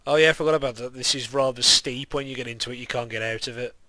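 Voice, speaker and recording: A man's voice: mid-range voice, fast, pushed and bright. A young man with a lisp and whistling s sounds, giving casual, rambling, self-deprecating game commentary. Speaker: gaming video maker.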